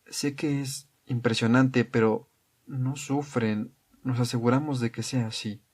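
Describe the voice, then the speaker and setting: A man voicing a middle-aged father who apologizes in a quiet, unbearably calm voice. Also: medium pitch, measured pace, breathy edge. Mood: solemn.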